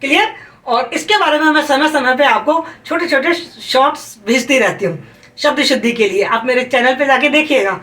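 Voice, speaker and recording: A woman teaching grammar in an emphatic style, repeating each rule and checking whether the students have it clear. Her voice is high. She sounds set back from the mic in a roomy, echoing space. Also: normal speed, fairly bright tone, recorded from a distance. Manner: calls students "beta". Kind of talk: exam-prep lesson.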